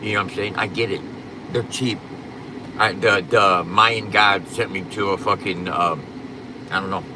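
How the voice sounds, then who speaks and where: Man, low voice, slurred loose-denture lisp, blunt rambling livestream chat, clear vehicle-like background noise. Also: steady tone, normal speed. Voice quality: slightly slurred, lisping speech from new loose dentures. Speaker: livestream host.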